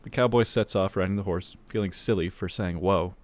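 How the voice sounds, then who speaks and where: Low-voiced man reading jokes aloud. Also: a little fast. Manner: reads jokes aloud with laughing asides. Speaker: podcast co-host reading jokes. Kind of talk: casual podcast banter.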